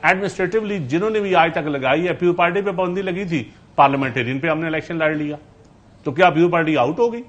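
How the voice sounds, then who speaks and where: A man's voice: a little high, muffled recording. A man who is a politician guest arguing his party's line in a heated TV talk-show debate, often talking over the others. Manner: argumentative, talks over others.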